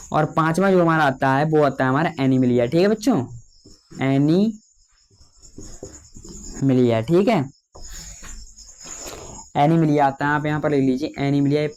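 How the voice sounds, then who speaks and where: Young male biology tutor, fairly high voice, drags out key words to dictate notes. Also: darkish tone, slight background noise. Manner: slow, drawn-out dictation of key terms; repeats fillers addressing students as children. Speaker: biology teacher. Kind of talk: lecture.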